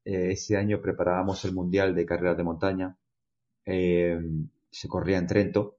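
A Spanish man from Granada, a mountain runner and mountaineer, telling his story in an interview with a Spanish accent tinged by Argentina, rambling with many restarts, his voice swinging between loud and quiet. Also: sits low, level tone, moderate pace, highs cut off. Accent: Spanish from Granada with a slight Argentine mix. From Spain.

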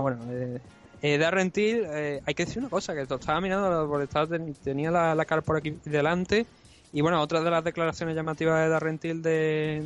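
Man, podcast host, rambling chat, slightly high voice. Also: lo-fi sound. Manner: rambling, many restarts and repeated words. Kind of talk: casual sports chat.

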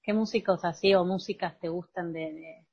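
Husky Argentine woman podcast host. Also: lowish voice, steady tone, normal speed, darkish tone, lo-fi sound. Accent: Argentine Spanish. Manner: reflective, asks probing questions. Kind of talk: casual interview chat.

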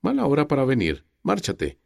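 A man's voice: medium pitch, wildly swooping pitch, normal speed, creaky, pitched above the performer's own voice, heavily acted. A man voicing a melancholy young male priest in an audiobook, gloomy and anxious.

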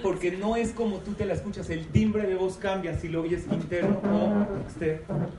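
A man's voice: high voice, steady tone, normal speed, gravelly. A man giving a humorous lecture to a live audience, often asking them questions. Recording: echoey hall from far off, noisy.

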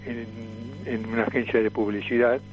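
A man in his seventies with an Argentine accent from Tucumán, a longtime comic performer and voice impressionist, reminisces casually as a radio guest. He speaks in a mid-range, level tone at a moderate pace, hesitating and repeating words and phrases. The sound is lo-fi with soft background music.

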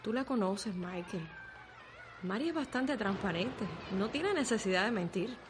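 A woman's voice: mid-range voice, lively intonation, measured pace, noisy background, natural voice. An actress playing a frank, level-headed teenage girl who teases her friend. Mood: blunt.

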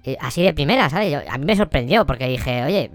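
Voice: medium pitch, lively intonation, a little fast, lightly acted. A performer puts on a whiny, shifty alien entity from the sewers with a fluty but menacing voice. It rattles along in casual colloquial speech, swinging up and down, in a comic mock-interview style. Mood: defensive, chatty. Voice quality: fluty, sinister helium-tinged voice. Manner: chatty, colloquial, shifty, repeats himself. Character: whiny alien cosmic entity in a sewer cavern, parody of a child-luring horror clown. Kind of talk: improvised mock interview comedy.

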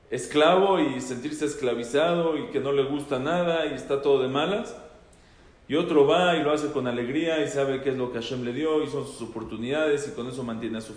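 A man's voice: medium pitch, a little mellow. Man teaching in an echoey hall. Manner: conversational, repeats phrases for emphasis, asks listeners questions. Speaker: rabbi teaching a class. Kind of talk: informal Torah talk to a group. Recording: echoey hall with long reverb.

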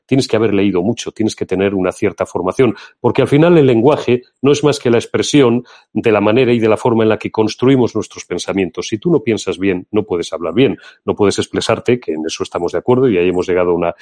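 A man's voice: lowish voice, fast talker, a little mellow. A middle-aged man from Spain with a Castilian accent, talking politics on an opinion show in an emphatic, indignant, rhetorical way. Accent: Castilian Spanish. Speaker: political commentator.

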